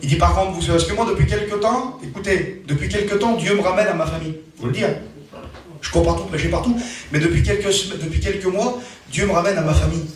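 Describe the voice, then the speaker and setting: Animated man preaching in an echoey hall. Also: sits high, fast. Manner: animated storytelling, voice rising and falling. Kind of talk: testimony sermon. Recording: very echoey room, from far off.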